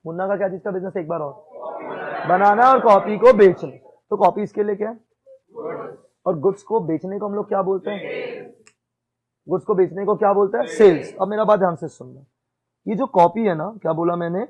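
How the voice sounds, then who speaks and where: A man's voice: high-pitched, fast talker, long pauses, darkish tone, low-quality recording. A male accounts teacher giving a classroom lecture in mixed Hindi and English, often checking "ठीक है?" and quizzing his students.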